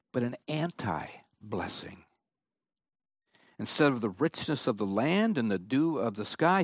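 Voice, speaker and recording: A man preaching a sermon, reading and explaining scripture in a slow, emphatic way. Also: medium pitch, no room sound, studio quality. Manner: slow, emphatic Bible exposition.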